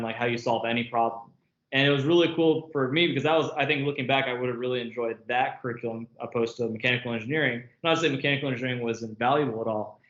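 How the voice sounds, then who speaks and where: A man's voice: mid-range voice, a bit bright. A man of about thirty, an interview guest in casual chat, talking with lots of filler words and frequent laughs over a remote call. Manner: chatty, laughs often, many filler words. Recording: echoey, muffled call audio.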